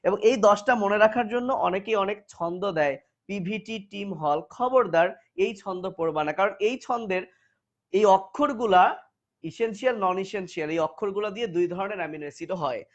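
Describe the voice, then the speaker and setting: A man's voice: high-pitched, expressive, a little fast, lo-fi sound. A male biology teacher giving a classroom lecture, repeating terms again and again for students to chant back and addressing them directly.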